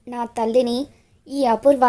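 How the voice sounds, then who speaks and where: A woman's voice: fairly high pitch, steady tone, a little slow, close to an everyday voice. Woman reading as a furious young man. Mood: angry accusing. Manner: shouting, accusing. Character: furious young man accusing his stepmother.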